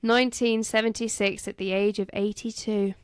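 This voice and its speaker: A woman's voice: mid-range voice, little pitch movement, normal speed, clear, resonant tone, dry recording. A woman co-hosting a casual history podcast, reading from notes and joking and swearing between facts. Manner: jokey, giggly, swears. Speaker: podcast co-host.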